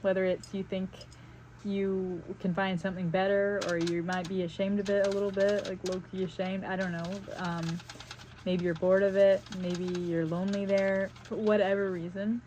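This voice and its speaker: With a level, slightly mellow mid-range voice at normal speed, a woman in her thirties chats reflectively and casually while painting, leaning on many fillers; a little hiss or hum is audible. The vlogger is from South Carolina, has a faint Southern US accent, and is at home on Maui.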